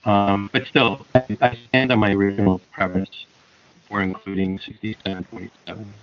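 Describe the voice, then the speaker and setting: A man chairing an online public hearing, speaking haltingly with many fillers while his audio keeps cutting out. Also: on the low side, flat delivery. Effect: choppy audio that keeps cutting out. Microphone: remote call connection. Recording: muffled lo-fi online call with dropouts.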